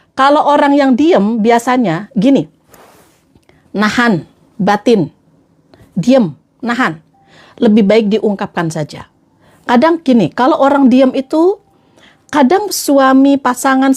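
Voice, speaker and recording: A woman's voice: high-pitched, expressive, measured pace, pauses often, darkish tone. A woman trainer giving a playful, chatty motivational talk to a live audience, acting out little scenes as she goes.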